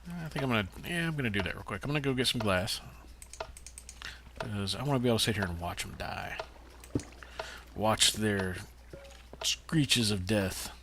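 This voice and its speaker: A man's voice: medium pitch, animated, fast talker, background noise. A man casually commenting on his game as he plays, rambling with many fillers and talking to himself. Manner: rambling, lots of uh fillers, talks to himself while playing. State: hiccups. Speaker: gaming channel host. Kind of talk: casual let's-play commentary.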